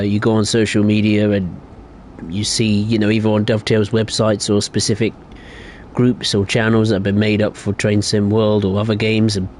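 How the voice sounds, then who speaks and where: During a laid-back game stream, a young adult man offers his opinions in a meandering, hesitant way. His voice is on the low side and a little mellow, and there is slight background noise.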